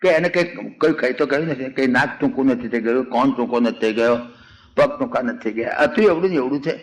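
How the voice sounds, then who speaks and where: An older man with a Gujarati accent giving a spiritual discourse, telling folksy stories, acting out villagers and chanting verses slowly. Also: mid-range voice, low-quality recording. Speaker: spiritual speaker. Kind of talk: Ramayana discourse with humor and chanting.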